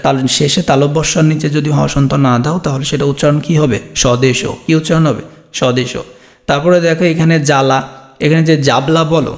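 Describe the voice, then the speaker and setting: A man's voice: a little high, vocal fry. A man teaching an exam-prep grammar lesson, explaining step by step and answering his own questions.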